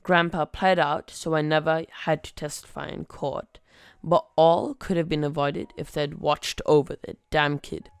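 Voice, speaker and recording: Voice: mid-range voice, flat delivery, measured pace, gravelly, clear, resonant tone, dry recording. A podcast host reading online stories aloud in a wry, conversational way. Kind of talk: story reading.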